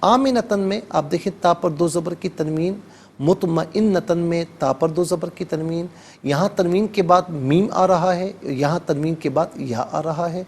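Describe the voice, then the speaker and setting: Gravelly-voiced man teaching Quran recitation. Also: fairly high pitch, a little mellow. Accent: Pakistani Urdu. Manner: explains each word methodically, then chants verses slowly and drawn out. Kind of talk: televised tajweed lesson with slow chanted recitation.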